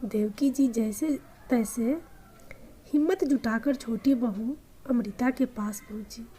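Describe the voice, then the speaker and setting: A woman narrating a scripted moral story in a slow, soft-spoken way. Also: a little high, slight background noise.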